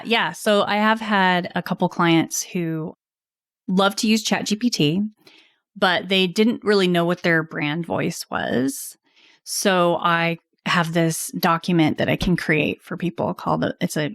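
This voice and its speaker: Casting note: woman guest, lowish voice, dry close recording, reflective, soft laughs. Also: slow pace, no echo. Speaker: copywriter, podcast guest. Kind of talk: casual interview chat. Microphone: video call.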